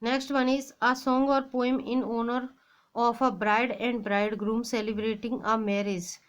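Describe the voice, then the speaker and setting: Indian woman, exam teacher, very slow measured delivery, slightly high voice, reads questions then gives answers. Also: little pitch movement. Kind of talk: quiz-style exam lesson.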